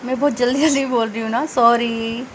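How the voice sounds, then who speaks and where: Chatty, fairly high-voiced woman vlogger. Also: steady tone, slight background noise, low-quality recording. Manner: chatty and rambling, with self-corrections and filler pauses. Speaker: home vlogger. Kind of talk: casual voice-over narration of a home cleaning day.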